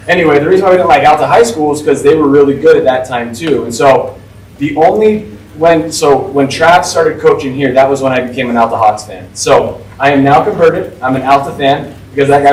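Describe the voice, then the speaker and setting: Visiting a school classroom as a guest speaker, a man of about forty talks loosely and informally, peppering his speech with "like" and "right?". His pitch is fairly high, and he's off-mic in an echoey room with slight noise behind him.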